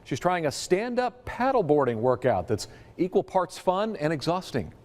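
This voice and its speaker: A man's voice: fairly high pitch, big pitch swings, normal speed, darkish tone. A man presenting TV news as an anchor.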